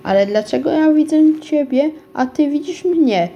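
A woman's voice: lively intonation, moderate pace, creaky, mellow, muffled recording, a little hiss or hum. Woman doing a curious, timid little girl. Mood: puzzled. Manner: high, surprised and questioning. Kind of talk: storybook reading.

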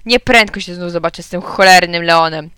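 A grumpy, short-tempered dad, as a woman storyteller puts him on, clipped and grumbling. The voice is smooth and clear, recorded dry and close. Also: mid-range voice, moderate pace, fairly bright tone, no room sound, natural voice. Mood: curt grumbling. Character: irritable, embarrassed father of a young boy.

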